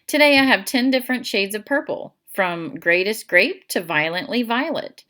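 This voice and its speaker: A woman's voice: mid-range voice, expressive, moderate pace, sharp tone, voice pushed up. Woman doing a showy, self-assured teenage girl.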